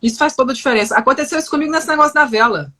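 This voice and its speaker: A woman co-hosting a live-stream chat, animated and acting out quoted dialogue. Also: high voice, rapid-fire. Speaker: live show co-host.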